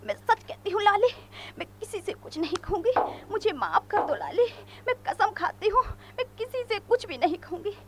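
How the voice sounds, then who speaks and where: A woman's voice: very high voice, very animated, moderate pace, few pauses, noisy background. A woman playing a meek, mistreated young daughter-in-law who begs tearfully. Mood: pleading. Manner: pleading, tearful.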